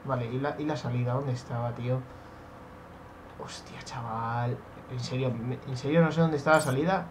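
A young man from Spain with a Spanish accent, giving excitable Minecraft let's play commentary, swearing and shouting when startled. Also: medium pitch, moderate pace, background noise. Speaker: gaming youtuber.

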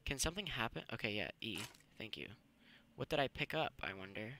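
A man's voice: mid-range voice, expressive, fairly quick, vocal fry, sharp tone, a little hiss or hum. A young man giving casual, jumpy, slangy commentary while playing a horror game. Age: young adult. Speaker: gaming video host. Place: small room indoors.

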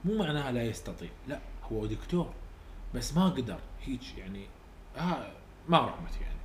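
A man with an Iraqi Arabic accent, a university English tutor giving a lecture, repeating each rule slowly so students can write it down and explaining in casual, colloquial terms. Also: mid-range voice, sing-song, a little hiss or hum. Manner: repeats rules slowly for dictation.

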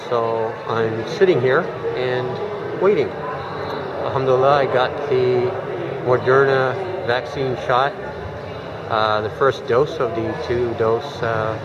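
A man in his forties recording a relaxed, reflective selfie vlog on a phone held at arm's length, indoors in a large community gym and later outside. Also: mid-range voice, dull audio, heavy background noise. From Canada. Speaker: vlogger. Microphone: phone camera at arm's length.

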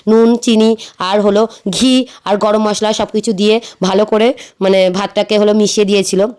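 Fast, loud-talking woman vlogger. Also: a little high. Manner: talks loudly and very fast in long breaths. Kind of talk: cooking vlog voice-over.

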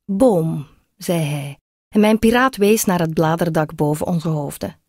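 Woman reading a story, low voice. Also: a little mellow, dry recording, studio quality. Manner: measured, reflective storytelling. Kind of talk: audiobook reading.

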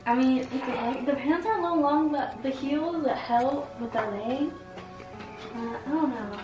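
A woman's voice: high-pitched, measured pace, muffled recording, music in the background. A young woman from Washington State chatting casually to a handheld camera in her vlog, full of "like" fillers. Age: young adult. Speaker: vlogger. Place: home kitchen and living room, later a car.

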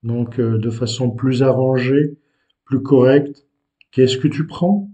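A male language teacher explains words at an unhurried, deliberate pace. His voice is mellow and dark, and he pauses and hesitates between phrases. He keeps a patient, explanatory manner throughout. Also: medium pitch, fairly even intonation, highs cut off. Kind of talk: explaining vocabulary to learners.

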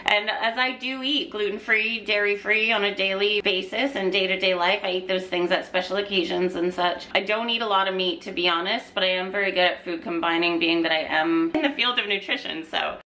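A woman's voice: medium pitch, steady tone, fairly quick, few pauses, sharp tone. A woman who works in nutrition, chatting casually and upbeat to her vlog audience. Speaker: nutrition vlogger.

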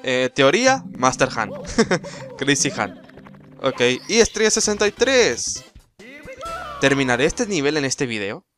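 A man's voice: mid-range voice, very animated, unhurried, pauses often, fairly bright tone. A young man giving casual, rambling let's-play commentary, exclaiming and laughing at the game. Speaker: gameplay commentator. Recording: voice over game music.

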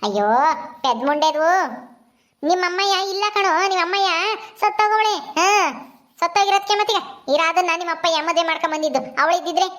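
Bossy scheming old grandmother put on by a performer, home drama, lower scolding voice. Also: fast, a bit bright. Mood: scornful. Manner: scornful, lecturing, bossy. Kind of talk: home-made family drama.

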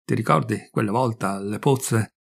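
A man's voice: fairly low pitch, normal speed, creaky. A man voicing a fond elderly mother. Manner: gentle, reminiscing, affectionate.

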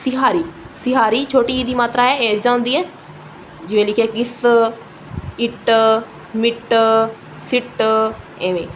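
Woman teacher doing a lesson, highish voice, asks then answers herself, drags out example words slow, bit of hiss behind. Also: rough recording.

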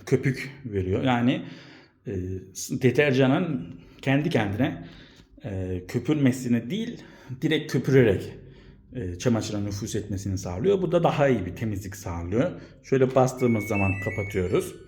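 A man giving a casual, halting step-by-step household demonstration in speech, his voice ringing with echo in a bare room at home. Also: mid-range voice, lively intonation, darkish tone. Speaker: home appliance vlogger. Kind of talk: casual explainer to camera. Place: indoors at home, room without carpets.

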